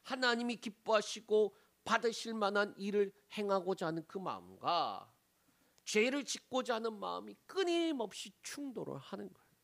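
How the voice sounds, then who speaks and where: Animated male pastor preaching. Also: high-pitched, vocal fry. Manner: animated, acts out prayers in a hushed whisper, then bursts into raised complaint. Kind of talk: sermon.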